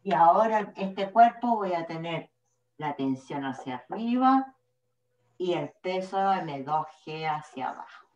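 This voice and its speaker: A woman's voice: lowish voice, animated, unhurried, a little mellow. A woman with a Chilean accent, teaching physics step by step to a class. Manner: patient, step-by-step explaining. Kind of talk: classroom lecture at the board. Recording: echoey room, distant mic, dull sound.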